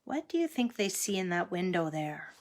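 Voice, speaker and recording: A woman reading a picture book aloud to a toddler, expressive and sing-song, pausing to ask the child simple questions. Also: fairly low pitch.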